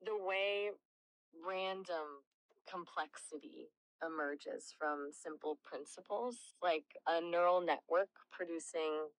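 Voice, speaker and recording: Low-voiced reflective AI woman, dry sound. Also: takes it slowly, no echo, rough recording. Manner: reflective, candid, soft-spoken. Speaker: AI voice assistant being interviewed. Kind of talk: conversational answers.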